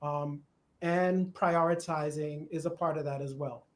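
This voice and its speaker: A man with a Jamaican accent hosting a live church discussion, chatty and animated, laughing at times as he explains. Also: fairly high pitch, unhurried. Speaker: host. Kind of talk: casual discussion on church worship. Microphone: live stream.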